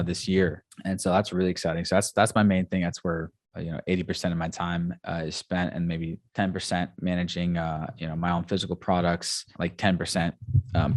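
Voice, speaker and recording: A man's voice: low-pitched, flat delivery, a little fast, no echo. A man as a guest in a casual interview, talking in an enthusiastic, rambling way full of "like" and "um".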